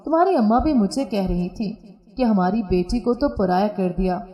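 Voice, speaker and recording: A woman voicing a caring middle-aged mother-in-law in a story, asking gentle, plain questions. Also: mid-range voice, moderate pace, reverberant, highs cut off, natural voice. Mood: concerned.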